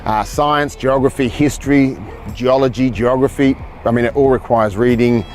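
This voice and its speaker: A man's voice: mid-range voice, steady tone, normal speed, darkish tone, a little hiss or hum. An Australian man telling a personal story in a rambling way, with many fillers and repeated words. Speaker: speaker telling his life story.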